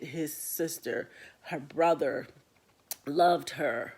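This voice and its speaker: A book club host giving a casual, rambling talk straight to the viewers and retelling stories along the way. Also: mid-range voice. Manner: chatty, talks straight to viewers as "guys".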